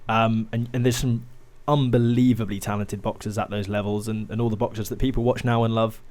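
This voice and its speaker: A man's voice: on the low side, flat delivery, brisk, a little mellow. A man co-hosting a podcast, asking and commenting in a casual, conversational way. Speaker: podcast co-host, interviewer.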